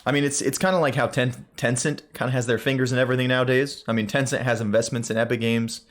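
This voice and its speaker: A young man co-hosting a gaming podcast, talking news in a relaxed, rambling way with lots of fillers. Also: medium pitch, fast. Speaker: podcast co-host. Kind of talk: casual gaming news chat.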